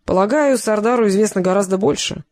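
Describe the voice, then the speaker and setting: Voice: mid-range voice, fast, darkish tone, no room sound, close to an everyday voice. A reader voicing a guarded, cool younger man who answers curtly. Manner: curt and guarded.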